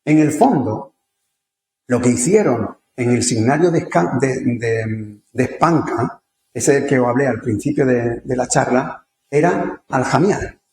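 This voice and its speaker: A man's voice: mid-range voice, unhurried, a little mellow, echoey room. A man from Andalusia with an Andalusian accent giving a conference lecture, talking conversationally and firing rhetorical questions at the audience. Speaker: conference speaker. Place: lecture hall.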